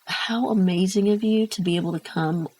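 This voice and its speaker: A woman's voice: mid-range voice, moderate pace, dark tone, a little hiss or hum, low-quality recording. A woman hosting an interview, responding to her guest in a supportive, encouraging way. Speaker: host. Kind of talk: talk show interview.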